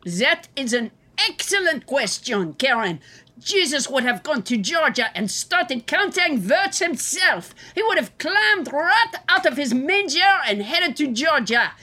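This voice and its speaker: A woman's voice: sits high, big pitch swings, measured pace, pushed and bright, exaggerated voice. A woman voicing a crude, boastful male president in a comedy press conference parody, blunt and pompous. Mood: smug, dismissive.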